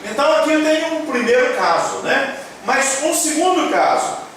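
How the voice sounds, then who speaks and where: A man teaching a lesson at a board, repeating key words slowly and checking in with his viewers, encouraging them as he goes. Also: very high voice, lively intonation, a bit bright. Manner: encouraging, addresses viewers as "minha gente". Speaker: Hebrew teacher. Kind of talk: classroom-style lecture at a board. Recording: echoey room, voice from a distance, faint background noise.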